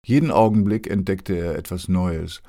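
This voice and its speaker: A man narrating an audiobook in a calm, even storytelling manner. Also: sits low, normal speed.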